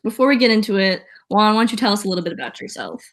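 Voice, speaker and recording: A woman's voice: mid-range voice, very animated, very fast, a bit bright. A young woman in her twenties hosting an interview, friendly and affirming as she steers with questions. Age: 20s. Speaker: student host.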